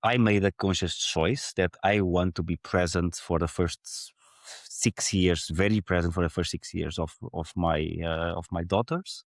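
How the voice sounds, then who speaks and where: Portuguese guy on a podcast, low voice, dead dry close mic, earnest and goes on and on. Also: steady tone, unhurried, no echo. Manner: earnest, explains at length in run-on thoughts. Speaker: podcast guest. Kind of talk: conversational interview.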